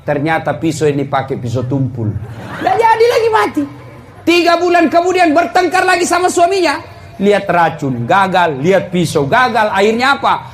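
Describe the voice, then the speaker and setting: A man preaching a comic sermon to a live congregation, swinging between loud exclaiming and low confiding tones as he tells funny stories. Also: big pitch swings, moderate pace. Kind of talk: comedic sermon.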